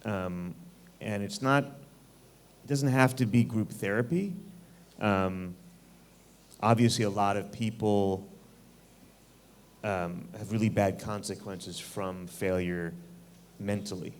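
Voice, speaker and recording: Deep, slow-speaking male panelist. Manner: measured, thoughtful, with many fillers. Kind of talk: fireside chat on stage.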